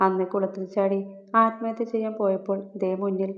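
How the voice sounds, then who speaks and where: A woman's voice: medium pitch, little pitch movement, brisk, faint music behind, close to an everyday voice. A woman voicing a shy, devoted young village woman in a read-aloud love story, speaking in a pleading, confessional way. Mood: tender. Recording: roomy, dull lo-fi sound.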